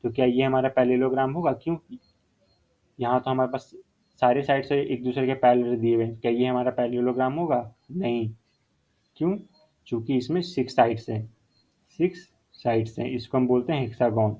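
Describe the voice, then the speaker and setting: A male math teacher with a medium-pitched, steady voice talks fairly quickly through a whiteboard lesson step by step. He repeats the key terms and mixes in English phrases, and the recording sounds narrow, like a phone.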